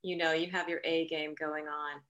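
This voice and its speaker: Bright woman co-hosting a radio show. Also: low voice, level tone, moderate pace. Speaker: radio co-host.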